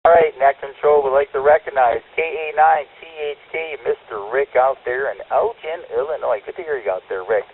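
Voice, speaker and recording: A man's voice: mid-range voice, normal speed, hardly any pauses. A man running a radio net as control operator, heard over a two-way radio transmission and talking in folksy, upbeat radio lingo. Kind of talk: radio net check-ins. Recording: tinny radio channel.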